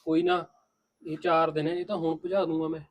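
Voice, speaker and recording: A man's voice: on the high side, little pitch movement, a little fast, lightly acted. An actor playing an older, protective father-in-law who reassures his daughter-in-law and scolds his son. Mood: reassuring. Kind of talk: village family drama acting.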